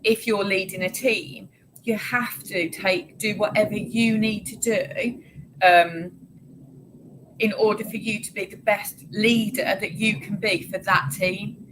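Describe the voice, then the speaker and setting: A woman's voice: mid-range voice, steady tone, unhurried, a bit bright, rough recording. Earnest woman podcast host, faint hiss. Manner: earnest, practical, advice-giving. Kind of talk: casual conversational interview.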